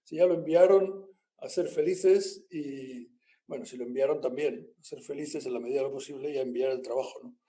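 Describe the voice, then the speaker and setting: A man's voice: mid-range voice, a little fast, dark tone. A male university lecturer giving class announcements in a loose, rambling way, with many fillers and frequent tag questions.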